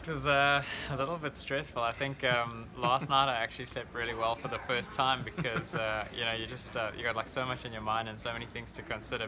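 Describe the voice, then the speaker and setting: A man in his thirties with a South African accent, a coach talking casually in an interview. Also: medium pitch. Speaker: team coach. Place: indoor convention venue. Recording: clear background noise, busy event venue.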